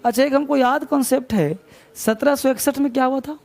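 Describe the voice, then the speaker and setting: High, gravelly male teacher dictating slowly. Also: darkish tone. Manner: slow spelling out words letter by letter. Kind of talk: classroom dictation lesson. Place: classroom.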